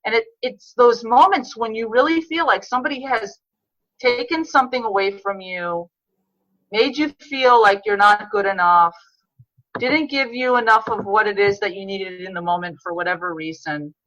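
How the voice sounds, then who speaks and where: Bright, earnest woman author. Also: medium pitch, moderate pace, no echo, dull audio. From New York. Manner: earnest, reflective, with frequent restarts. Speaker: author guest. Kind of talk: podcast interview conversation.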